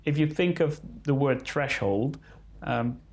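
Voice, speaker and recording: A man's voice: mid-range voice, slow, darkish tone. A man who is not a native English speaker, answering interview questions in careful English and searching for words. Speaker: conservation photographer being interviewed.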